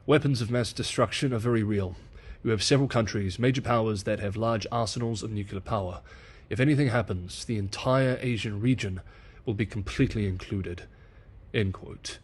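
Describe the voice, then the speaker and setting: A man reading news analysis on his own channel, in a measured way, lifting his voice whenever he quotes someone. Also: on the low side, husky. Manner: measured, reads quotes aloud with lifted voice. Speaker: solo news commentator. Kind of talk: news analysis read from script.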